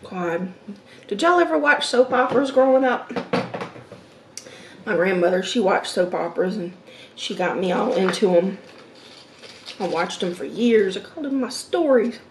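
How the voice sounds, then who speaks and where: Eating as she talks, a mukbang host in her fifties muses to her viewers in a relaxed way, with pauses and soft "mm" sounds between mouthfuls. She has an expressive, medium-pitched voice. She's recorded from afar in an echoey room with background noise.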